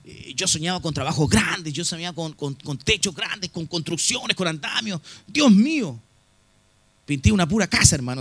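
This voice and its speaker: A man's voice: high-pitched, a bit bright, dry recording. A middle-aged man, a pastor preaching earnestly and telling a personal story to his congregation, often calling them brother. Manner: earnest, often addresses listeners as "hermano".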